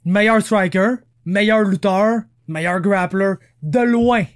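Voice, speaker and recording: Quebec guy co-hosting a podcast, kinda high voice, slangy, throws in english words all the time. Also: takes it slowly. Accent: Quebec French. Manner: slangy and animated, drops English words into his French. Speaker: podcast co-host. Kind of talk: casual podcast chat.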